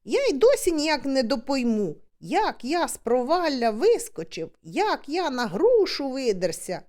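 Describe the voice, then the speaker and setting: Lively high-voiced woman storyteller. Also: unhurried. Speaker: audiobook reader. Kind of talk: humorous storytelling narration.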